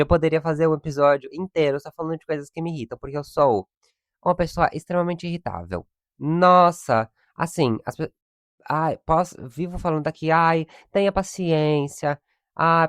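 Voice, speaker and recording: A man's voice: a little high, fairly bright tone, dry recording, clean studio sound. A young man hosts a solo podcast, ranting in exasperation about everyday annoyances and laughing often. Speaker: podcast host. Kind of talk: casual solo podcast monologue.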